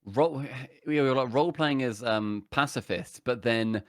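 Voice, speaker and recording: A young British man, a podcast guest, telling stories in a rambling, animated way with lots of fillers. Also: medium pitch, measured pace, no echo, studio quality. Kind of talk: casual podcast chat.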